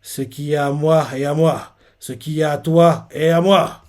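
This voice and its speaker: A cruel alien invader lords it over a beaten foe, taking his time with each mocking line, read out by a man. The voice sits a little high, close to a plain reading voice. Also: steady tone, a little slow, natural voice. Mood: taunting.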